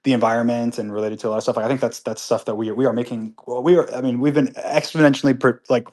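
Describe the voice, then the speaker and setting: A man of ordinary pitch hosts a live audio chat from home, answering listener comments off the cuff. He talks casually and earnestly, circling back on himself with plenty of fillers and restarts. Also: fairly even intonation, fast, darkish tone. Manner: rambling, with many restarts and fillers; upbeat and earnest when disagreeing. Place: at home with pets nearby.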